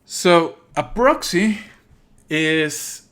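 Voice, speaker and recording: Here a man does live let's play commentary as a streamer, sounding expressive, sardonic and fed up while cursing casually. He talks very slowly in a fairly high pitch.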